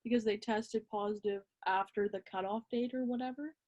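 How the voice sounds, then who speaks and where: A woman co-hosting a casual hockey chat, relaxed and hesitant with lots of ums. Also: medium pitch, a little fast. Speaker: podcast co-host.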